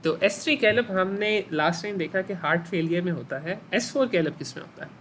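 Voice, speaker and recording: A man's voice: high-pitched, lively intonation, fairly quick, fairly bright tone, slight background noise. A man with a Pakistani Urdu accent giving a medical class lecture. He quizzes the students and echoes their answers, and he mixes English medical terms into his speech. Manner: asks students questions and repeats their answers.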